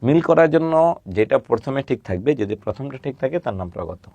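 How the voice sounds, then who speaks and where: A man teaching a recorded grammar lesson, patiently repeating words slowly and asking questions he then answers himself. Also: mid-range voice, expressive, gravelly, mellow, muffled recording.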